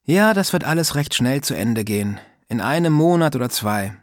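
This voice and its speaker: A man's voice: mid-range voice, animated, moderate pace, dry recording, studio quality, close to an everyday voice. A man reading an audiobook, voicing an old, talkative, insistent female neighbor in a raised, mock-polite voice. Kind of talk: audiobook character voice.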